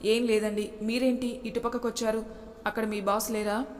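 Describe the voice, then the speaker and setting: A woman's voice: fairly high pitch, little pitch movement, normal speed, natural voice. Woman voicing an anxious young man, echoey. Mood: eager. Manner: worried, earnest inner musing. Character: young man, anxious and longing office worker. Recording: long reverb echo.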